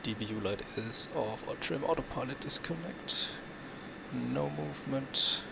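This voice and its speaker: A man with a gravelly, fry-laden voice at a middling pitch runs through pilot checklist items. He speaks in terse, procedural fragments. The mic sounds muffled, with clear noise behind him. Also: unhurried. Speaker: flight sim pilot. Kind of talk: checklist callouts and radio replies.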